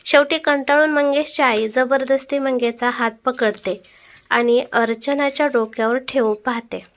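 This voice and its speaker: Higher-voiced woman storyteller. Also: fairly even intonation, normal speed. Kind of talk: dramatic story narration.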